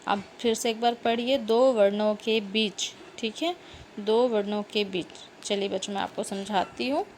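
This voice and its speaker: A woman's voice: medium pitch, moderate pace, slight background noise. A woman teacher giving a grammar lesson to schoolchildren. She repeats words and keeps asking the class questions.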